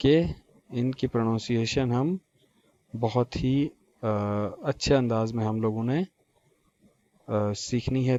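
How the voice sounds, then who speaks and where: A man with a Pakistani Urdu accent gives a recorded language lecture, stretching out model words slowly and carefully while mixing Urdu with English. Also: medium pitch, mellow, highs cut off. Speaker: language teacher.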